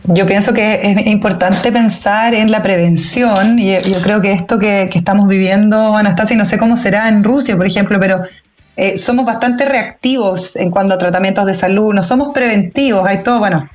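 A woman with a Chilean accent speaks at a medium pitch. She is an interviewer, talking in a casual and conversational style. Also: normal speed, soft background music. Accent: Chilean Spanish.

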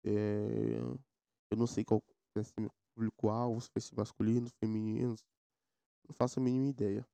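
A man's voice: lowish voice, level tone, moderate pace, creaky, dark tone, dry recording. A man, hosting a casual solo podcast and rambling in slang from topic to topic. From São Paulo, Brazil. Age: 20s. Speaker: podcast host. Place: home setup with a mechanical keyboard. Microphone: recorded through a sound card.

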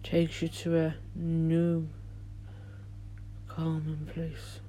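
A man speaks as a meditation guide, soft and hushed. His tone is mellow and relaxed, with very little rise and fall. He goes slowly and soothingly, leaving long gaps between phrases. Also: on the high side, slight background noise, poor audio. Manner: soothing, gentle, drawn-out delivery with long pauses. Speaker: podcast host and meditation guide.

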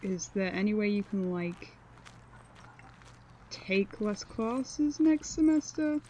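A man playing a gentle, candid young college friend in an audio drama, plain-spoken and conversational. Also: sits high, expressive, slow pace, a little hiss or hum. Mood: concerned. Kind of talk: naturalistic audio drama acting.

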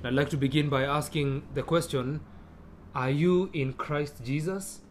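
Male pastor, slightly high voice; sermon delivery, scripture reading into emphatic preaching with hesitations. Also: fairly even intonation, measured pace, a little hiss or hum. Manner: reads scripture aloud, then preaches with rising emphatic bursts; frequent hesitations and repeated words.

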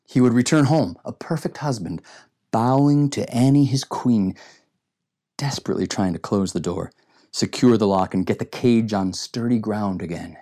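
A man narrating an audiobook in a measured, reflective way. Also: on the low side, dark tone. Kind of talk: scripted narration.

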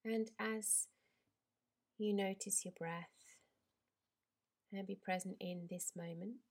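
A woman yoga teacher leading a guided relaxation in a slow, soft, soothing voice that drifts into whispers. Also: medium pitch, fairly even intonation.

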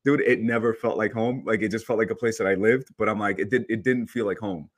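A man in his thirties, originally from El Salvador, appears as a photographer guest in a casual interview, relaxed and chatty as he tells his story. He has a lowish voice and talks fast.

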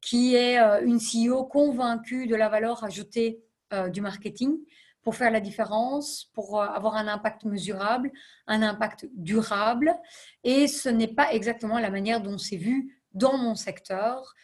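Fairly high-pitched and a bit mellow, this podcast guest speaks unhurriedly. She's a nonprofit CEO in her thirties who considers each interview question with care, pausing often and slipping in English business jargon.

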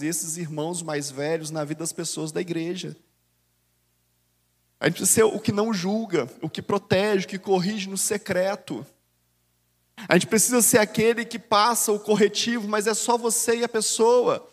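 A man's voice: high-pitched, big-room sound. A man with a Brazilian accent preaching a sermon as a bishop, talking animatedly and conversationally and often addressing listeners as "dear". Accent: Brazilian Portuguese.

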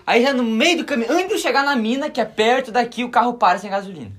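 Speaking with a very high-pitched voice at a quick clip, this young podcast co-host recounts a story. He has a southern Brazilian accent from Rio Grande do Sul, and the chat is casual, animated, and full of slang.

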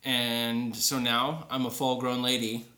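A man's voice: medium pitch, level tone, a little slow, sharp tone. A man co-hosting a podcast in casual chat, joking dryly and slipping into voices when he tells stories. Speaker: podcast co-host.

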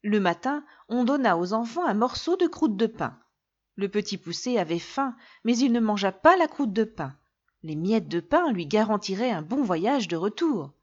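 A woman narrating a fairy tale in an expressive, clear storybook reading. The recording is dull and lo-fi. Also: medium pitch, normal speed.

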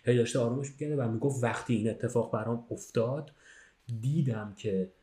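Warm in tone and mid-range in pitch, this man tells a podcast story in a relaxed, conversational way, pausing to check in with whoever's listening. The room echoes noticeably.

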